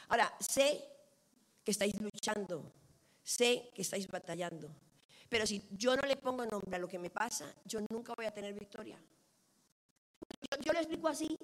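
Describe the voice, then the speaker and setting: A middle-aged woman preaching a sermon. She tells stories with lively quoted dialogue. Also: medium pitch.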